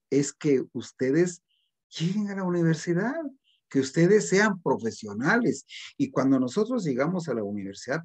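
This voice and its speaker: A man's voice: mid-range voice, a little mellow, husky. A middle-aged man with a Guatemalan Spanish accent, giving a recorded literature class and earnestly urging his students to read and write well. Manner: earnest, exhorting, addresses students formally. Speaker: literature teacher.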